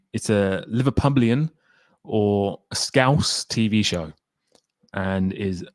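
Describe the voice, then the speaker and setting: Lively man hosting a live stream. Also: on the low side, dry recording, clean studio sound. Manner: energetic, urging viewers to like; reacting to chat comments one by one. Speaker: livestream host reading viewer chat. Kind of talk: casual live-stream chat.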